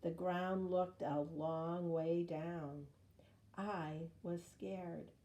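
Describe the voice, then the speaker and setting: A woman reading a children's story aloud in an expressive, dramatic way, drawing out words. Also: fairly low pitch. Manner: dramatic, with drawn-out words and sound words. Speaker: storybook reader.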